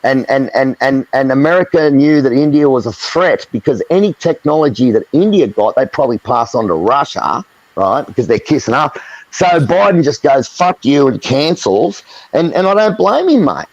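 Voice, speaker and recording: A man's voice: mid-range voice, big pitch swings, moderate pace, no room sound, dull audio. An Australian man in a heated live chat, ranting angrily with lots of swearing. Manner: angry, profane, ranting.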